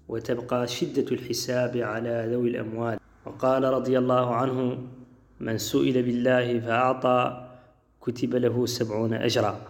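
A man preaching in formal standard Arabic, reciting religious sayings in a measured, formal way as part of a lecture. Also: medium pitch, darkish tone. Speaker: preacher presenting a lecture series.

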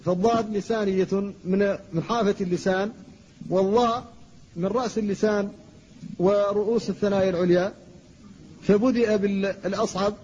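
High-voiced man teaching a lecture. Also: fairly even intonation, darkish tone, big-room sound. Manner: slow, deliberate demonstrations of pronunciation. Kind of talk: classroom lecture. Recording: dull lo-fi recording with faint noise.

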